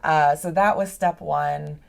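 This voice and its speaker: This young woman, a podcast guest on a video call, is chatty and relaxed, frequently laughing and leaning on the word "like." She speaks slowly in a deep voice with vocal fry and fairly flat intonation.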